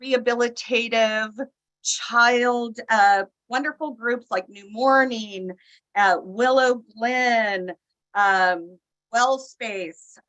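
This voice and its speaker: A woman delivers an informal public comment in a fairly high, bright voice with a forceful edge. She sounds conversational and airs her opinions freely. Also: slow pace, dull audio. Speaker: public commenter calling in online.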